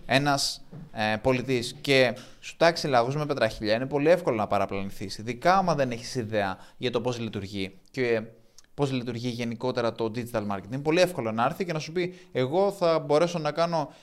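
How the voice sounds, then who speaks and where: Calm man, podcast co-host. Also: medium pitch. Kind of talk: casual podcast chat.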